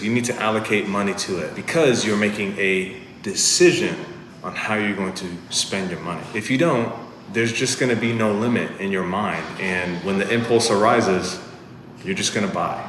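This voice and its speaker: A man's voice: fairly low pitch, normal speed, noisy background. A man hosting a vlog, giving earnest, practical advice to camera from inside his home. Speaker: lifestyle vlog host. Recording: echoey room with long reverb, faint ambience.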